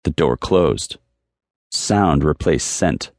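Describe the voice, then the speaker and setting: A man's voice: rumbling low, animated, slow pace, a little mellow, dry recording, studio quality. A man narrating an audiobook in the first person, brooding and intense, leaning hard on repeated phrases. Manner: brooding and intense, with emphatic repetitions.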